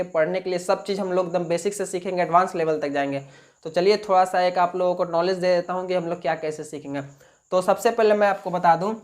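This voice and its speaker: A man teaching a basic spoken English lesson in Hindi, explaining step by step and answering his own questions. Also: sits high. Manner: repetitive, plain classroom talk.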